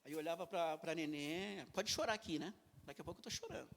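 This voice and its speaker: Gravelly fifties male guest pastor, emotional testimony, vivid and expressive. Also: a little high, fast talker, a crowd in the background. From Brazil. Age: 50s. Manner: emotional, vivid storytelling with acted-out quotes. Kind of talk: personal testimony in an interview.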